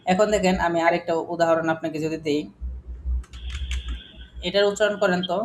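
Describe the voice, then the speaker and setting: A man's voice: sits high, steady tone, moderate pace. Male teacher, phonics class, quizzing and repeating, faint noise behind. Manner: questioning, repetitive drilling of examples. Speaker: English teacher.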